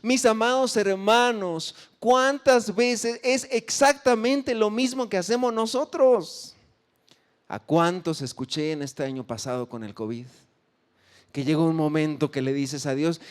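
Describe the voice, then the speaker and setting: A man's voice: a little slow, clear, resonant tone. A man preaching a sermon as pastor, acting out the pleas of the faithful with sudden rises in voice. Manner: emphatic, acts out pleas with sharp rises in pitch and volume.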